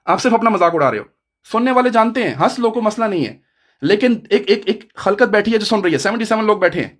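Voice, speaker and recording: A man's voice: high-pitched, animated, fairly bright tone. Male debater, combative and preachy, talks over the other side in a heated online debate.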